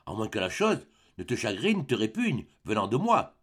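A man's voice: fairly low pitch, wildly swooping pitch, normal speed, husky, pitched below the performer's own voice, exaggerated voice. A man voicing an earnest young peasant man who talks eagerly and insistently in an audiobook.

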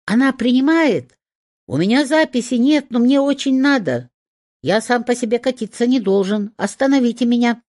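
A woman's voice: fairly low pitch, big pitch swings, a little slow, warm tone, pitched above the performer's own voice. A woman voicing a small, anxious male hedgehog who talks in a fretful, indignant way. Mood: pleading.

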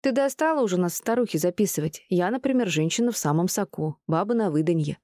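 A woman's voice: fairly low pitch, expressive, fast talker, mellow, dry recording, clean studio sound, natural voice. A woman voicing a cheerful, teasing middle-aged female friend with a playful, slangy way of talking.

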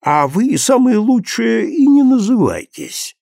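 A man's voice: extremely high pitch, very animated, a little slow, creaky, a little mellow, dry recording, clean studio sound, voice pushed up, heavily acted. A man reading the part of a witty young man who jokes and teases. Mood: teasing. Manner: joking, ironic.

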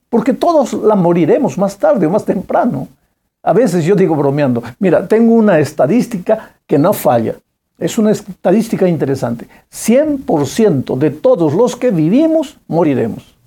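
A man's voice: high-pitched, mellow, breathy edge. A man preaching a Bible commentary, emphatic and addressing listeners with direct rhetorical questions. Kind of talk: sermon-style Bible commentary.

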